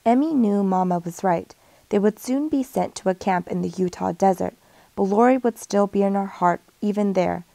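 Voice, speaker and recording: Gentle woman reading a storybook, dry. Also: mid-range voice, moderate pace, vocal fry, no echo. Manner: gentle storytelling, lifts her voice for the characters. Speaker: storybook reader. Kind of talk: picture book read-aloud.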